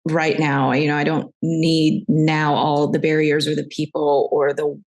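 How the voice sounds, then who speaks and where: This podcast host, a woman, speaks unhurriedly in a low, slightly mellow voice with little pitch movement. Reflective and candid, she shares personal stories from her own experience during a conversational interview.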